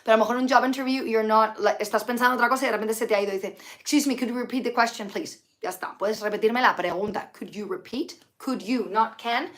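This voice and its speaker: Hoarse woman teaching English. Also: a little high, steady tone, fast, hardly any pauses, a bit bright. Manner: chatty, mixes Spanish and English, reads out viewer comments. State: sick with flu, tired. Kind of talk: live-streamed English lesson.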